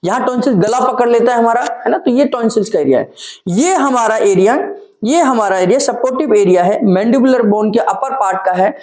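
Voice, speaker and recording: A woman's voice: fairly high pitch, fairly quick, a little mellow. A woman teaching a therapy technique, explaining while she points to spots and counts aloud. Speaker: neurotherapy instructor. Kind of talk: hands-on teaching demonstration. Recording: echoey room.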